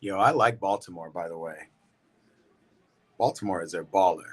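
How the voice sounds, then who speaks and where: Hosting a football watch-party livestream, this man chats casually and tiredly with viewers, slangy and laid-back, calling them bro and y'all. His voice sits low and moves at a normal speed.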